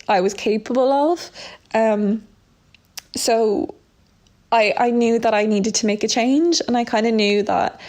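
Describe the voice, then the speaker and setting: A woman's voice: a little high, a little mellow. A young Irish woman speaking candidly and reflectively as an interview guest, with frequent fillers and restarts. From Ireland.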